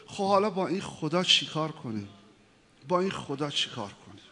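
A high-pitched male preacher delivers an impassioned devotional sermon. His voice climbs into loud pleading cries, then sinks into soft, murmured asides. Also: big pitch swings.

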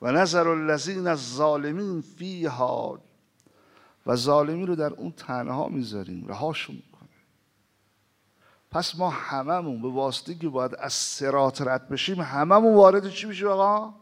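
Dramatic preacher man, loud then hushed. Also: fairly high pitch, animated. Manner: recites Arabic scripture in a slow chanting cadence, then explains it. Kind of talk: sermon.

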